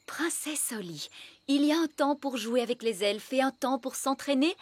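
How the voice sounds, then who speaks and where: Cartoon role: woman as proper, bossy fairy nanny, highish voice, instructive and firm. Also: normal speed, background noise, close to an everyday voice. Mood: firm, scolding. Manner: scolding, instructive. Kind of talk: French cartoon dub acting.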